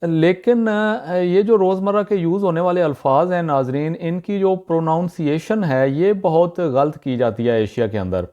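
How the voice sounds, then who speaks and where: With a fairly high, mellow voice in a muffled recording, a man teaches pronunciation on YouTube. He goes over example words slowly, again and again, filling gaps with frequent "uh" pauses.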